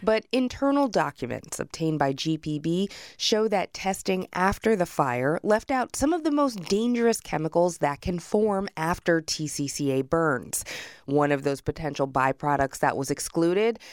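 An American woman narrates a scripted radio news report. Her pitch is on the low side and the sound is dry, with no room on it. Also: expressive, a little slow, dry recording.

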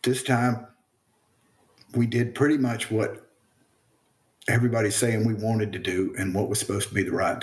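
Guy, lowish voice, earnest and reflective, kinda halting, faint music under. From American South. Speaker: local newspaper journalist, interview guest. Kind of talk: radio interview answers.

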